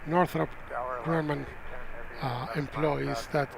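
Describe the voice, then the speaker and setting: A man's voice: on the high side, fairly even intonation, slow, creaky, noisy background. A man hosting a plane spotting livestream, chatting casually to viewers in live commentary.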